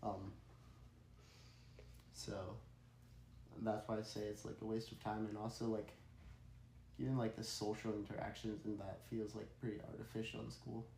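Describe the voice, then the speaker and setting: A teenage boy with a low, gravelly voice talks loosely, with plenty of fillers, and teases his friends. The room rings with echo and a faint hum of ambience sits underneath. He sounds offhand and casual. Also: little pitch movement, moderate pace, pauses often, darkish tone. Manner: filler-heavy, teasing. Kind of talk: casual chat.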